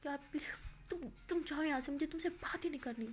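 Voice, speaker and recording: A hurt young woman lashes out in a spoken love story, as a woman narrator puts her on. Her voice sits somewhat high and sounds sharp and indignant. She refuses to forgive her girlfriend. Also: quick pace, soft background music, close to an everyday voice. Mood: angry.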